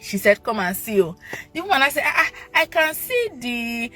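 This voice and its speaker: A woman's voice: a little high, sing-song, normal speed, faint music behind. Nigerian woman giving a church testimony. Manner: earnest, addresses the pastor as papa, rises to shouting and tears. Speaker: testimony giver.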